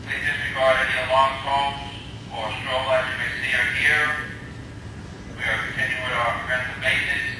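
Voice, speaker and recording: A man making a formal safety announcement over a building's public address loudspeaker, in a flat, measured delivery. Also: medium pitch. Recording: echoey distant loudspeaker in noisy room.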